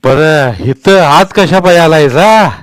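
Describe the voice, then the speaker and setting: Booming old village landowner, gruff and teasing, raised high and loud, read by a male storyteller; dry storybook sound. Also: slow pace, no echo.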